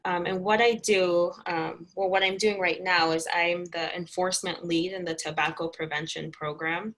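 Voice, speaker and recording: A young woman talks through her work as a guest on an interview show. Her voice sits a little low, and she speaks in a friendly, chatty way. She fills her pauses with plenty of "um"s. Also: a bit bright, low-quality recording. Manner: chatty, friendly, many fillers. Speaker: guest, community health educator. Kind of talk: casual interview answers.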